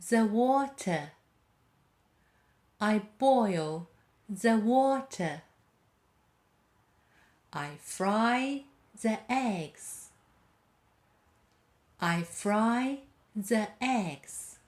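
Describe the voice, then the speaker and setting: A woman giving a scripted shadowing lesson as a language teacher, enunciating carefully and repeating short, simple phrases in measured pieces. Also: mid-range voice, darkish tone. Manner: says each short phrase twice, leaving it in measured pieces.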